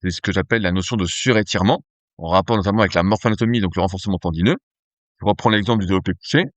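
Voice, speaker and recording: A man's voice: deep voice, very fast, no room sound. A man explaining strength training on a podcast in a conversational way, with fillers and restarts. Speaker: podcast host, nutrition company cofounder.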